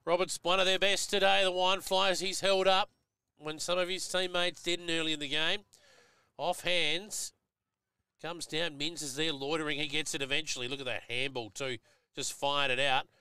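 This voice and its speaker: Aussie guy commentating footy, bright crisp voice, folksy, close dry mic. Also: fairly high pitch, fairly even intonation, moderate pace, dry recording. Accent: Australian. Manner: chatty, folksy, jumps up sharply at big hits. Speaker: football commentator. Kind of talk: live commentary with analysis.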